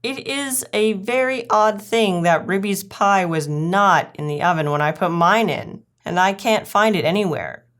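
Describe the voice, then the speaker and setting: A woman's voice: medium pitch, unhurried, hardly any pauses, a bit bright, pitched above the performer's own voice, natural voice. A well-mannered lady dog paying a call in a storybook, as a woman reader puts her on. She is anxious and formal, with a fretful, mannered politeness. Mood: fretful, puzzled.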